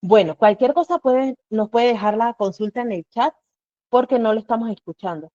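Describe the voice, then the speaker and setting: A fairly high-voiced woman teaches a live online class and walks through each step with patient questions. Her tone is mellow and soft-edged. The recording is dull, dry and lo-fi. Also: normal speed, dry recording. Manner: patient step-by-step explaining with frequent rhetorical questions. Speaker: Excel instructor.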